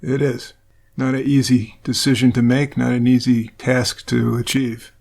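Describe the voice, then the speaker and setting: A man's voice: medium pitch, little pitch movement, measured pace, vocal fry, darkish tone. A man co-hosting a true crime podcast, laconic and matter-of-fact as he reads emails and recounts cases. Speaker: podcast co-host. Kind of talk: casual true crime chat.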